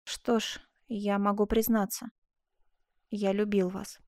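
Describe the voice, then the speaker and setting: A woman reads an audiobook in a mid-range, darkish voice at normal speed, close to how she'd sound everyday. She voices a shy young man in love making hesitant, earnest declarations, and the studio sound is clean with no room echo.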